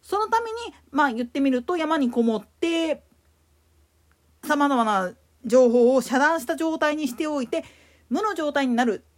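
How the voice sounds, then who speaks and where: A woman with a Kansai accent giving a solo explanatory talk as a podcast host, emphatic in her delivery. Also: unhurried. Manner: explanatory, emphatic, lively pitch swings.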